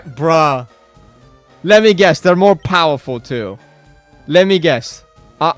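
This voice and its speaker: A man's voice: high-pitched, smooth, no echo. Rambling man streamer chatting over game music. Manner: rambling, filler-heavy, reads chat aloud and reacts. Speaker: gaming live streamer. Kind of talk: casual live-stream chat while playing.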